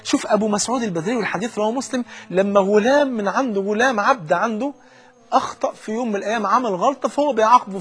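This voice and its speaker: A man with an Egyptian Arabic accent delivers a colloquial sermon, animatedly telling stories and acting out the dialogue. His voice sits high.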